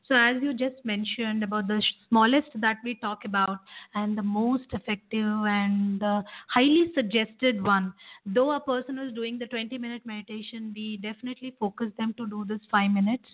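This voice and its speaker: A meditation teacher with an Indian accent, appearing as a guest expert in an interview, explains and guides a meditation while repeating phrases for emphasis. Her fairly high voice has fairly even intonation and a moderate pace, heard through a tinny, narrow phone line.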